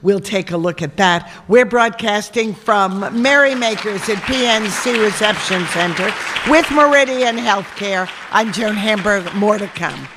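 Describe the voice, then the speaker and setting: A woman's voice: mid-range voice, a little slow, few pauses, a crowd in the background, noisy background. A woman hosting a live radio show from a reception hall, chatting with her guests and steering them with leading questions. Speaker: radio talk show host. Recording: long hall reverb from live venue.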